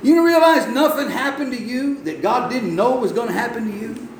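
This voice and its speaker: A man's voice: very high voice, a little fast. A man preaching a folksy, exclamatory sermon full of "amen" and "man". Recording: echoey room with faint background noise.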